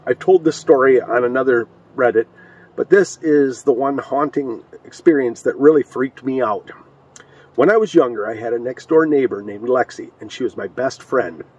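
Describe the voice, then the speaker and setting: A man's voice: mid-range voice, normal speed, darkish tone, slightly rough. A man from Michigan, recorded outdoors on a cold night, chatting and joking with many fillers as he reads ghost stories aloud. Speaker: co-host of a ghost story show. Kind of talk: casual chat and reading ghost stories aloud. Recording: distant mic outdoors.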